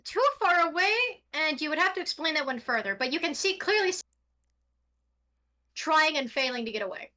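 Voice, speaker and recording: Bright high-voiced woman as game master. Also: lively intonation. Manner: eating while narrating, slow descriptive narration. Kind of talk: narrating a tabletop game.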